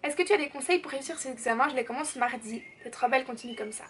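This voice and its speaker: An eighteen-year-old Belgian woman casually answers viewer questions in her vlog, bubbly and chatty, packing her speech with fillers and plenty of "genre." Her high, fairly bright voice races along. The mic sits slightly distant, with faint noise behind her.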